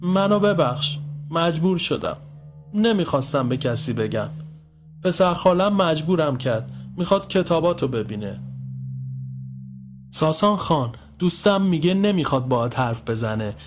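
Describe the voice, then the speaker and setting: A man voicing a shy young girl who speaks softly and hesitantly, apologizing. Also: fairly high pitch, sing-song, over music, voice pushed up. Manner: soft, hesitant, pleading.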